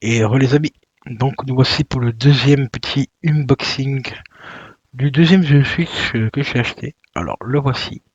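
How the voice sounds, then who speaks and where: A man's voice: mid-range voice, normal speed, slightly rough, dry recording, dull audio. A man chatting casually while he unboxes a video game, with lots of fillers and self-corrections. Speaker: YouTuber unboxing video games.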